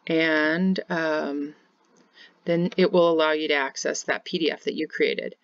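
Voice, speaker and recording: A woman's voice: deep voice, steady tone, a little slow, dry recording, dull audio. A woman in her forties, from Kansas, giving a plain step-by-step screen-share tutorial from home as a home bakery teacher. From Kansas, United States. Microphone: webcam in corner of screen share.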